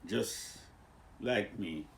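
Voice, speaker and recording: A man in his nineties with a Jamaican accent, slowly and haltingly telling his life story, searching for words. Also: lowish voice, gravelly, a bit bright, slight background noise. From born in Cuba, raised in Jamaica. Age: 90s. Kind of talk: casual interview.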